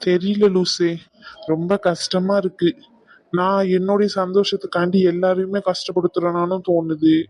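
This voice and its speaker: A woman's voice: fairly low pitch, moderate pace, vocal fry, a little mellow, no echo. A woman voicing a troubled young man in a cartoon, anxious and apologetic. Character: troubled young man torn between mother and love. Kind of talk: cartoon voice acting.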